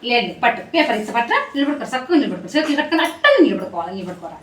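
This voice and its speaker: A woman playing a stern, mocking village schoolteacher, her high voice swooping up and down as she rattles off scolding after scolding. She sounds set back from the mic in a very echoey room, in a comic skit. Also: big pitch swings, very fast, recorded from a distance, slight background noise. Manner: scolding, teasing, repeating commands. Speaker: teacher.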